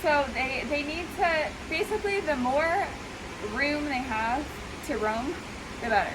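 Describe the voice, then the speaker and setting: A woman explaining animal treatment casually and informally, her voice slightly muffled by a face mask. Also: fairly high pitch. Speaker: veterinary professional treating goats. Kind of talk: casual explanatory talk to camera. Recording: noisy, steady rushing background hiss.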